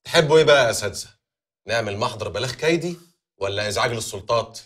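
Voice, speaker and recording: An actor with an Egyptian accent playing a mocking police officer. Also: male voice, lowish voice, animated, very fast, a bit bright. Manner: mocking, sardonic. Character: sarcastic man, a police officer. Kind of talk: comedy series acting.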